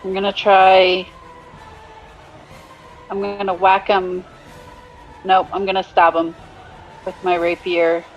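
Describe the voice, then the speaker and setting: Female tabletop player, slow and hesitant, thinking aloud, slightly dull audio. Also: medium pitch, completely flat delivery. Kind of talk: casual game chat. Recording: dull lo-fi audio, faint music.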